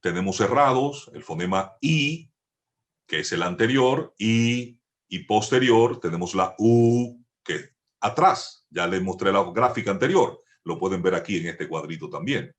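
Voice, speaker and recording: A man teaching a voice and speech lesson, measured and instructive, drawing out each vowel as he demonstrates. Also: fairly low pitch, animated. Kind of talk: slow, deliberate voice lesson.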